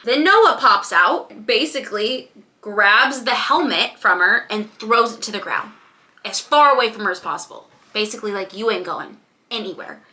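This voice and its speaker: Young woman, bright, casual book recap, chatty, animated. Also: on the high side, normal speed. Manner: chatty, animated retelling with quoted voices. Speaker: book vlogger. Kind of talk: casual book recap while doing makeup.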